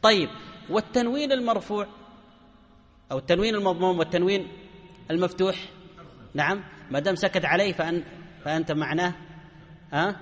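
A man's voice: high voice, quick pace, pauses often, in a large hall. A man teaching a grammar lesson to a class, often asking questions and answering them himself.

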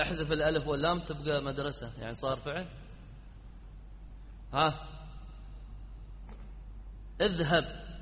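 Quizzing his Arabic grammar students and repeating questions to prompt answers, a man speaks on the high side with a pushed, bright voice. The sound is dull and lo-fi, captured in a reverberant hall.

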